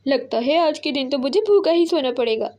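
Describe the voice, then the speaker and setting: Cartoon songbird, female, kind and trusting, fretful, high-pitched , done by a woman storyteller. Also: lively intonation, a little fast, a little mellow, muffled recording. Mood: distressed. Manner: caring, fretful.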